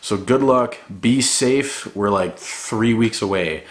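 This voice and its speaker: A man's voice: on the low side, slow. A man. He talks like a laid-back buddy walking you through a hobby, informal and encouraging, in loose conversational instruction. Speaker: hobby hunter giving a duck calling tutorial. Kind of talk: casual instructional talk.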